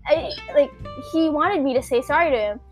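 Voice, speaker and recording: A young woman with a Filipino accent telling a story in a casual chat, animated and acting out what other people said. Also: high-pitched, moderate pace, faint music behind. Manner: animated, acts out quoted people, many fillers.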